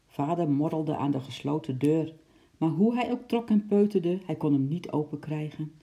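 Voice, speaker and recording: A narrator reading a children's book aloud in a calm, measured way. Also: mid-range voice, lo-fi sound.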